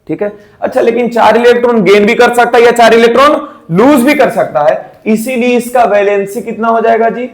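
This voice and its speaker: A man teaching a chemistry lesson, asking questions and answering them himself, repeating key terms. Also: high-pitched. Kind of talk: classroom-style chemistry lesson. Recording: echoey room.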